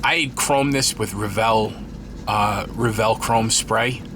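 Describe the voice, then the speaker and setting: A man's voice: on the low side, slow pace, noisy background. A stuffed-up man chatting casually while showing his scale model build, rambling and correcting himself as he goes. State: stuffed up, congested. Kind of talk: casual hobby tutorial.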